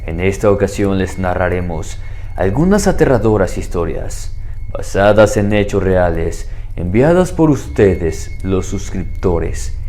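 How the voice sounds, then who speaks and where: A man hosting a horror storytelling channel, greeting listeners in a slow, dramatic, inviting delivery. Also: deep voice, a little mellow. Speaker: channel host. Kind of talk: scripted horror show intro. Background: faint music.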